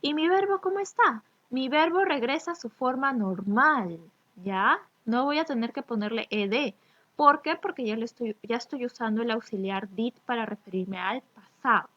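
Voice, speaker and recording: Lady teacher, slowish english examples, keeps asking ok? ya?, dead dry room sound. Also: on the high side, a bit bright, dry recording. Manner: reads English examples slowly and carefully, then explains in Spanish; checks often with "¿ok?" and "¿ya?". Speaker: addresses students as chicos. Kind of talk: recorded remote lesson explaining grammar. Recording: dry, slightly dull recording.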